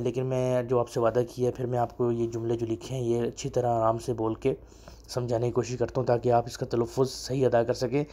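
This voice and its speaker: A man teaching in a casual spoken lesson, repeating them slowly and often checking "okay?". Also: medium pitch, mellow. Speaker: Arabic teacher.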